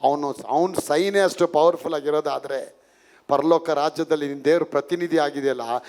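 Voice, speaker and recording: High, gravelly Kannada-accented preacher man. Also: normal speed. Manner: mixes Kannada with English phrases, acts out dialogues; rises to fervent loud preaching. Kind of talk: charismatic sermon.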